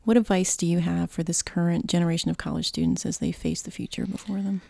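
Woman podcast host, lowish creaky voice, courteous, appreciative interviewing. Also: big pitch swings, quick pace, dark tone, no echo, clean studio sound. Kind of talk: polite interview hosting.

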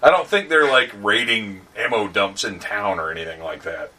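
A man co-hosting a casual movie commentary chat, relaxed and quick to laugh, with some swearing. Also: on the low side, distant mic. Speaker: podcast co-host.

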